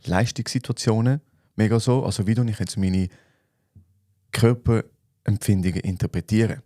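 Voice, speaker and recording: Mellow Swiss German man, unhurried chat. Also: lowish voice, no echo, clean studio sound. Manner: relaxed, thinks aloud with fillers. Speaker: podcast co-host. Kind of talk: casual chat.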